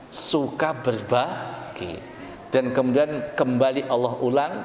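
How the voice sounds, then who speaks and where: A man with a Javanese accent preaching a sermon, asking the congregation questions and stretching out Arabic phrases slowly. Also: medium pitch, darkish tone, a little hiss or hum. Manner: call-and-response questions to the congregation; drawn-out slow Arabic phrases. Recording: echoey hall.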